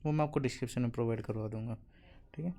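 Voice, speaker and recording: Male tutor for absolute beginners, warm low-toned voice, repetitive "okay" check-ins, recites sounds one by one. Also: gravelly. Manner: asks questions and answers them himself, says "okay" constantly; slow, drilled recitation of syllables. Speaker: Japanese teacher. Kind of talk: classroom-style lesson explanation.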